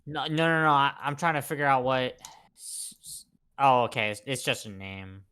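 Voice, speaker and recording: A man's voice: mid-range voice, steady tone, moderate pace, bright, forceful tone, clear, resonant tone. Bantering, profane man at a game session. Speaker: tabletop role-play player. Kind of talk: casual joking group chat during a game.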